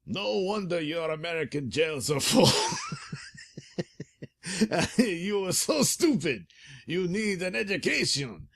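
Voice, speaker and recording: A haughty, eccentric crook who sneers at petty thieves in a grand, put-on French accent, as a man reads him from a comic. The voice sits a little above the reader's usual pitch and swings widely, with lofty, drawn-out lines. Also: big pitch swings, gravelly, a bit bright, full character voice. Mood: mocking. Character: eccentric foreign master criminal, haughty.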